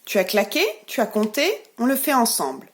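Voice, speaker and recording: A woman with a French accent, a preschool teacher giving a remote lesson to young children, speaking gently and articulating each word clearly as she leads them through clapping syllables. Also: on the high side, sing-song, normal speed, slight background noise.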